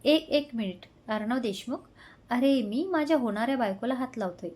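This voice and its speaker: A woman's voice: fairly high pitch, expressive, moderate pace, darkish tone. A woman reading the part of a smug, scheming young man in a spoken love story, with a sneering, theatrical tone.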